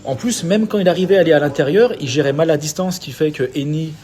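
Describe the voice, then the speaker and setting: A man's voice: a little high, quick pace, darkish tone. A man with a French accent talking boxing in a casual podcast chat, hesitant, restarting his sentences with fillers. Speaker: podcast co-host.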